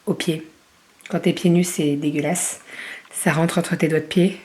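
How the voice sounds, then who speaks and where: A woman with a low-pitched, steady, slightly mellow voice talks a little slowly. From her kitchen, she chats about family life in a casual home vlog, rambling and often hesitating or correcting herself.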